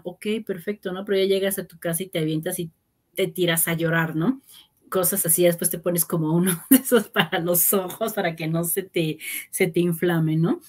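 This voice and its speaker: A woman's voice: lowish voice, a little mellow. A woman hosting a talk on grief, explaining reflectively with everyday examples. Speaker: host. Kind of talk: casual talk on grief and healing.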